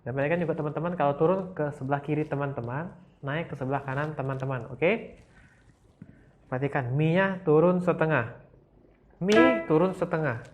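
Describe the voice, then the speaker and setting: A man's voice: fairly high pitch, brisk, pauses often, dull audio. A man from Palembang with a Palembang Indonesian accent, teaching a casual beginner piano lesson and patiently checking in with "oke?" after each step. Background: piano keyboard notes.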